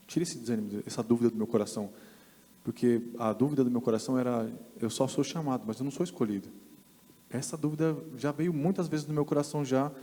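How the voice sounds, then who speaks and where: Brazilian man, podcast guest, earnest halting testimony, long hall reverb. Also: mid-range voice, mellow. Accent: Brazilian Portuguese. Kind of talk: personal faith testimony. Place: church podcast studio.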